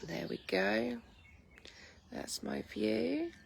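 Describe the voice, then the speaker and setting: A slow-talking Lincolnshire woman from England, sleepy and just woken, greets live viewers on a casual morning stream from her garden. Her voice is very gravelly and croaky yet on the high side, and her chatter is relaxed, rambling, warm-hearted and full of ums. Her phone camera picks up loud birdsong, a light breeze and a little hiss or hum.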